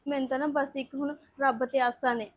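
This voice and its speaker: A woman's voice: high-pitched, little pitch movement, brisk, natural voice. An actress playing a worried young woman who pleads tearfully for justice. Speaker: distressed young wife seeking justice. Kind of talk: Punjabi web-series acting.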